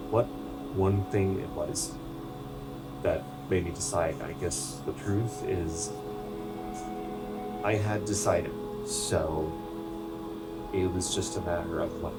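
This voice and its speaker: Loud music plays behind a low-voiced American man performing a radio-play role: a young soccer player, hurt and troubled, confessing haltingly with sarcasm, bitterness and swearing. The mood is a subdued confession.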